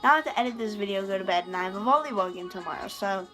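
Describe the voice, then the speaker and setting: A woman's voice: medium pitch, lively intonation, very fast, sharp tone, faint music behind, rough recording. A teenage girl telling a storytime vlog in rambling casual chat, with heavy "like" fillers and frequent swearing. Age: teens. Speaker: vlogger.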